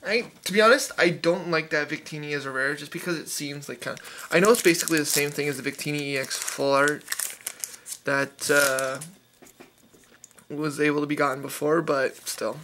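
A man's voice: a little high, fairly even intonation, background noise. A man casually opening card packs on camera, rattling off card names with enthusiasm. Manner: rapid-fire listing of card names, enthusiastic.

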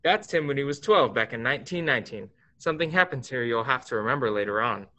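A man's voice: medium pitch, animated, fast, sharp tone. A teenage boy playing an authoritative, businesslike senior angel in a staged radio play. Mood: calm, instructive.

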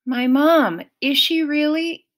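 A woman's voice: sits high, slow, pitched above the performer's own voice. A woman voicing a grieving twelve-year-old boy in an audiobook, insistent and questioning. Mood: shaken. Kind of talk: audiobook reading.

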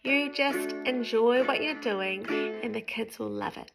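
A woman's voice: fairly high pitch, measured pace, vocal fry, music in the background, rough recording. A woman, teaching ukulele in a friendly, encouraging way from her living room, recorded close on a phone. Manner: friendly, encouraging, explains while strumming. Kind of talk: spoken tutorial between songs. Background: ukulele strumming.

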